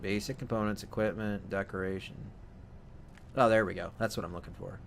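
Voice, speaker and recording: A man's voice: fairly low pitch, fairly even intonation, a little fast, gravelly, a little hiss or hum. Rambling man narrating his gameplay. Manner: rambling, self-correcting, thinking aloud. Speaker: let's play host. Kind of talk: casual gameplay commentary.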